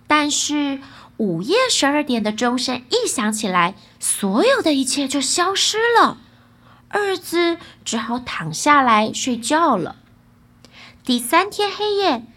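A woman narrating a children's bedtime fairy tale in a lively, expressive way. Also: high-pitched, husky. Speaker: storyteller.

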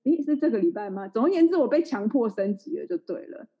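A woman's voice: fairly high pitch, sing-song, quick pace, mellow, husky. A woman in her thirties, a podcast co-host chatting casually and telling a family story with frequent laughter. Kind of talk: casual chat. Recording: slightly dull lo-fi recording.

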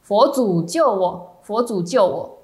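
A woman's voice: medium pitch, animated, takes it slowly, a little mellow. A woman voicing a frightened young man in a story, pleading urgently.

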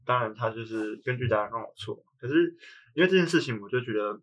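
A man's voice: medium pitch, expressive, fast. A young man, a former student guest in a casual chat, candid and a little sheepish. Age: young adult.

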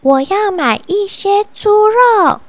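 A woman voicing a timid, soft-spoken small man who is easily frightened, in a children's story. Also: high voice, expressive, slow, no echo, pitched above the performer's own voice, exaggerated voice. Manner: small, strained, pleading.

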